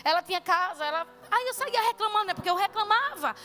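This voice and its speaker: A woman's voice: very high-pitched, lively intonation, fast, sharp tone, soft background music. A woman preacher giving a fervent, exclamatory testimony sermon to her church congregation. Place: church service.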